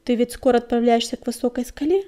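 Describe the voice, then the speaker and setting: A woman reading a storybook and voicing a caring, steady male cat warrior leader in a soft, breathy voice. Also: a little high, fast, lightly acted. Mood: gentle.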